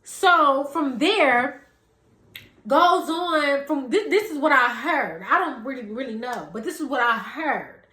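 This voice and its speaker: A woman's voice: sits high, expressive, takes it slowly, bright, forceful tone, reverberant. A woman podcast host, casually recounting gossip in a chatty way, hedging as she retells an argument.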